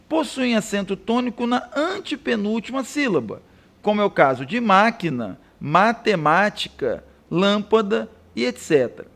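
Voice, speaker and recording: A Brazilian man gives a recorded grammar lesson in a high, animated voice. His tone has a gravelly edge, and he slows down to spell out each example word. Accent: Brazilian Portuguese. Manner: didactic, spells out example words slowly. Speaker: Portuguese teacher.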